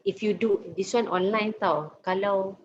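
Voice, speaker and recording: A woman's voice: mid-range voice, normal speed. A middle-aged woman with a Malaysian accent chats casually in colloquial Singlish-style English, dropping in Malay words and particles like lah and mah. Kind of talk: casual chat. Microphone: video call. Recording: muffled video call audio.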